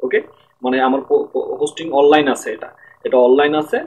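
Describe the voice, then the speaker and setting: A man's voice: a little high, fairly even intonation, fast, darkish tone, husky, rough recording. A man giving a screen-recorded programming tutorial at his computer, explaining step by step and often checking that listeners follow.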